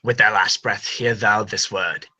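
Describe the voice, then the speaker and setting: Brooding armored villain lord in verse, read aloud by a man; husky, drawn-out delivery. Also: on the low side, steady tone, pushed and bright, heavily acted. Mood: solemn menacing. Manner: slow solemn declaiming, drops into whispers. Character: dark armored male lord, menacing and brooding. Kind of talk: live Shakespearean verse reading.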